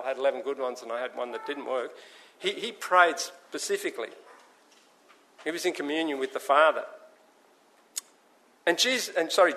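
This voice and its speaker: A man delivers an earnest sermon. His voice is bright and forceful and sits a little high for a man. He slips into voices for the people in his stories. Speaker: preacher.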